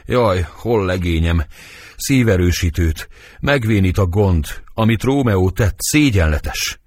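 A man's voice: low-pitched, animated, a little mellow, dry recording. A wailing old nurse, read by a man. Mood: lamenting. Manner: lamenting, wailing verse reading. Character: old nurse, fussy and grieving woman. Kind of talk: dramatic verse reading.

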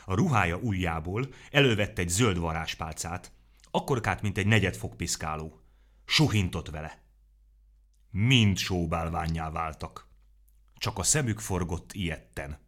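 A man reading a children's story aloud in a playful, animated way. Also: deep voice.

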